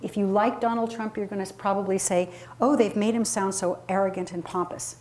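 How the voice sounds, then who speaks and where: A public speaking coach leads an interactive workshop, her mid-range, slightly mellow voice brisk and steady as she talks emphatically and conversationally and questions her audience. The live room recording has clear background noise.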